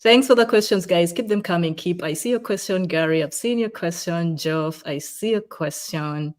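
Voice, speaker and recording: Ugandan lady hosting a live webcast, lowish voice, chatty, reads out comments. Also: moderate pace. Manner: chatty and upbeat, greeting viewers by name. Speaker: webcast co-host. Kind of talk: live webcast chat reading audience comments.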